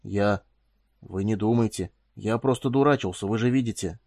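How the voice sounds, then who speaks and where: A man reading an audiobook, voicing an ashamed young soldier who speaks hoarsely and haltingly, then in a fierce whisper. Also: medium pitch, fairly even intonation, darkish tone, lightly acted. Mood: embarrassed.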